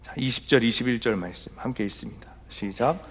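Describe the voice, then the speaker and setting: Middle-aged man, senior pastor; conversational sermon with personal stories, soft asides and loud emphatic peaks. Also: mid-range voice, a little fast, creaky, breathy edge.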